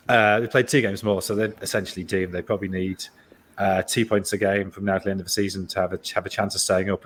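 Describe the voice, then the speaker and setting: A man's voice: lowish voice, a bit bright. A man giving a football prediction, rambling with fillers. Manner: rambling, laughing, filler-heavy. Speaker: football pundit. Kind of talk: casual football chat.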